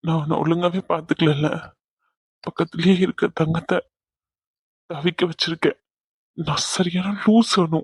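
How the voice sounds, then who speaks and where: A woman playing a soft-spoken young husband in an audio drama, talking gently and pleading with emotion. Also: fairly low pitch, steady tone, a little slow, long pauses, husky, no room sound. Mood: tearful, remorseful. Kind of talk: Tamil audio drama acting.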